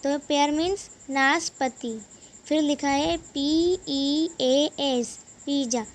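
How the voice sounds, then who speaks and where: Woman teacher for a kids' class, high voice, spells out each word slowly. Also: steady tone. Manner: slow, spells words letter by letter. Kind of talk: children's English lesson.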